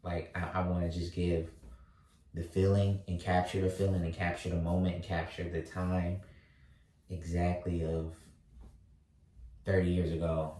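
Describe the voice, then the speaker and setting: A thirty-year-old man vlogging, talking slowly through his thoughts with lots of fillers and restarts. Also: low voice, level tone, dark tone, distant mic, slight background noise. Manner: halting, many fillers and restarts. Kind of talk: reflective casual monologue. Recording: roomy echo, voice set back from mic.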